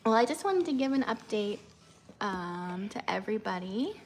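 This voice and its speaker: A woman in her thirties talks loosely to her livestream viewers, drifting between thoughts with plenty of ums and restarts. Her voice sits at a middle pitch. A faint hum of background noise runs under it. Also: animated, moderate pace. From Canada. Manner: rambling with many fillers, high sing-song when coaxing her child. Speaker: vlogger and mother. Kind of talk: casual livestream chat.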